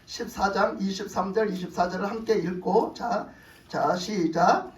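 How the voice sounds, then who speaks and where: A male pastor preaching a sermon, retelling the story with animated acted voices and rhetorical questions to the congregation. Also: high-pitched, measured pace, reverberant, far from the mic, crowd noise, poor audio. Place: church sanctuary.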